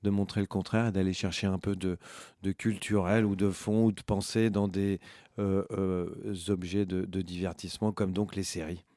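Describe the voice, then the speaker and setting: A middle-aged man speaks as an interview guest, relaxed and rambling, with frequent hesitations. His voice sits somewhat low. He talks casually, as if explaining things to a class. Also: moderate pace. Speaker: philosophy teacher guest.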